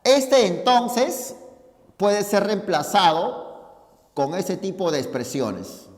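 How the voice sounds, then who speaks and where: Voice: mid-range voice, animated, slow, in a large hall. A teacher giving a logic lesson, explaining each step and often checking that the students follow. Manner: addresses listeners informally, pointing at the board.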